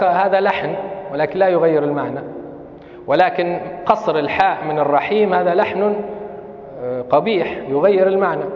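A man with a Libyan Arabic accent, a sheikh giving a classroom lecture on Islamic law, explaining carefully and reciting examples. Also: on the high side. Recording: echoey hall, dull lo-fi sound.

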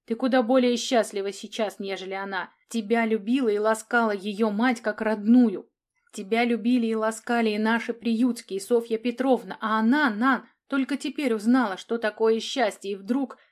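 A woman voicing a young orphan girl who scolds in a sharp, indignant way. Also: fairly high pitch, fairly even intonation, normal speed, lightly acted.

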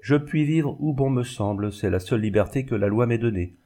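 A man's voice: medium pitch, a little fast, warm tone, lightly acted. A man voicing a proud, resolute young woman in an audiobook reading, speaking with fervent firmness. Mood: determined. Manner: fervent, pleading, firm.

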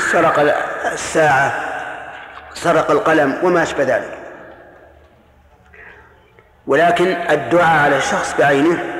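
Male scholar, slightly high voice, measured classroom lecturing, hall reverb. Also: a bit bright. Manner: measured explaining, takes student questions. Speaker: Islamic scholar teaching a class. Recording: roomy hall with long reverb.

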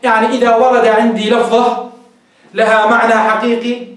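A man's voice: extremely high pitch, monotone, a little fast, fairly bright tone. A man teaching a class on Islamic legal theory, explaining step by step and asking rhetorical questions he answers himself. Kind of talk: classroom lecture. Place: classroom with a whiteboard. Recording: echoey room, mic far off.

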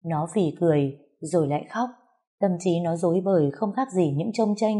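A woman narrating a romance story in a measured, emotional reading. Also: fairly low pitch, dark tone.

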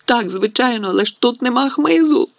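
A man voicing a bossy, know-it-all schoolgirl witch who turns shrill and commanding in a panic, in an audiobook reading. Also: a little slow, no echo.

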